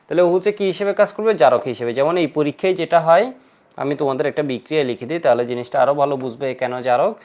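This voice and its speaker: A male chemistry teacher gives an online lecture to students, posing questions and answering them himself while sprinkling in English terms. His voice is fairly high and a little mellow, and he speaks at a racing pace.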